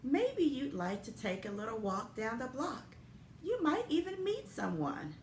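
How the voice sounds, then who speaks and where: A woman voicing a gentle mother who softly reassures her young son in a picture-book story. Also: high voice, wildly swooping pitch, unhurried, a little hiss or hum, pitched above the performer's own voice, full character voice. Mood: coaxing. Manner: soft, reassuring. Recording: echoey room.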